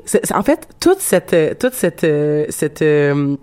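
A man with a Quebec French accent, hosting a casual film discussion podcast and talking haltingly with many restarts and repeated words. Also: on the high side, big pitch swings, darkish tone, clear, resonant tone. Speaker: podcast host.

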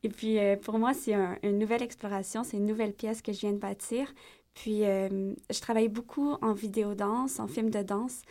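A woman's voice: mid-range voice, steady tone, normal speed, warm tone. A woman with a Quebec French accent, a choreographer explaining her work in a casual interview.

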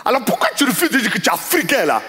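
A man's voice: extremely high pitch, sing-song, rapid-fire, bright, forceful tone, soft background music, voice pushed up, heavily acted. A man voicing a pushy, proud adult male customer who talks in an insistent, lecturing way.

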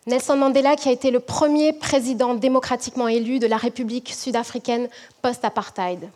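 High-voiced woman giving a reflective talk. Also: a little mellow. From French Guiana. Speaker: management professor giving a talk. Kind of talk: prepared public talk.

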